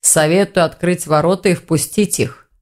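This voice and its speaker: A woman's voice: fairly low pitch, steady tone, moderate pace, darkish tone, natural voice. Impatient sarcastic male mage, read by a woman. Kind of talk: audiobook reading.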